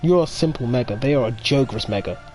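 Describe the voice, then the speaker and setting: A man hosting a game playthrough who talks in an excitable, rambling way as he comments. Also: medium pitch, fast, faint music behind. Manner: excitable, rambling fan talk. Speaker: gaming video host. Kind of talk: casual let's play commentary.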